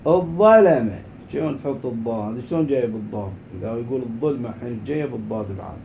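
A man giving an informal grammar lesson, stretching out key words slowly and then rushing through quick asides. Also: medium pitch, lively intonation, warm tone, highs cut off, a little hiss or hum. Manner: slow and emphatic on rule words, quick asides. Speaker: Arabic grammar teacher.

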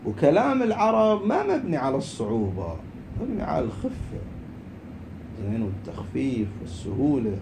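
A man giving an informal grammar lesson, stretching out key words slowly and then rushing through quick asides. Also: medium pitch, very animated, vocal fry, noisy background. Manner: slow and emphatic on rule words, quick asides. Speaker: Arabic grammar teacher.

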